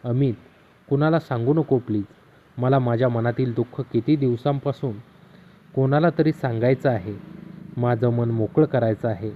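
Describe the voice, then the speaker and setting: A man's voice: medium pitch, normal speed, slight background noise, natural voice. A man voicing a teasing, lonely, middle-aged neighbor aunt in a storybook tale, keeping his own plain voice. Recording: slightly dull lo-fi audio.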